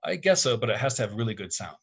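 A man's voice: on the low side, very animated, very fast, fairly bright tone, slightly rough, full character voice. A man reading as a wry teenage daughter. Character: teenage daughter, college-bound, wry and quick.

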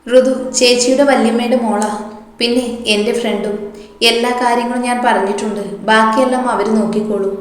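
A woman's voice: fairly high pitch, fairly even intonation, brisk, natural voice. Determined young girl as a woman reads her, reassuring and firm, roomy echo. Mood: urging. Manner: warm, urging and reassuring. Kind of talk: storytelling voice acting. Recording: very echoey room, long reverb.

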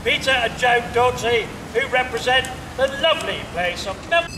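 A man's voice: extremely high pitch, animated, moderate pace. A man acting as master of ceremonies, announcing contestants outdoors in a projected, proclaiming voice. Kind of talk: public announcing at an outdoor event. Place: outdoor town square. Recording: distant outdoor recording with loud street noise.

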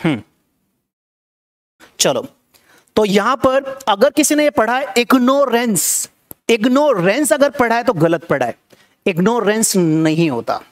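An Indian man teaching an English class live, explaining in Hindi and saying the English phrases slowly and more than once. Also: high voice, big pitch swings. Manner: coaxing, asks viewers to read along.

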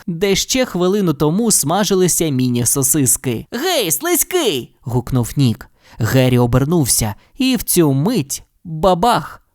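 A woman narrating an audio storybook in an expressive, animated way. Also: a bass voice, dry recording, clean studio sound.

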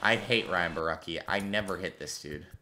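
A man's voice: deep voice, normal speed, pushed and bright, slight background noise. A young man casually commenting while he plays a baseball video game, often grumbling and joking at himself. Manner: grumbling, self-deprecating. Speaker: gaming YouTuber.

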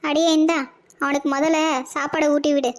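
A woman's voice: high-pitched, little pitch movement, normal speed, natural voice. A woman voicing a bossy old grandmother in a cartoon, nagging. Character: scolding old village grandmother. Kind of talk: cartoon voice acting.

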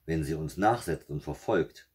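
A steady young storybook hero who speaks in a calm, decisive way, as a man puts him on. His voice is very deep and husky. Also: moderate pace. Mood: advising.

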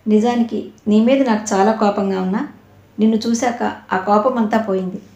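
A woman's voice: medium pitch, steady tone, normal speed, dark tone, highs cut off, soft background music, lightly acted. A woman voicing a middle-aged aunt who speaks in an affectionate, coaxing way. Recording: roomy echo.

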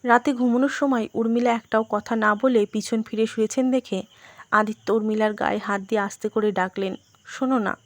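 A woman narrating a family drama and reading all of its characters in one steady storytelling voice. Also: a little high, a little fast, no room sound. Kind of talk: scripted narration.

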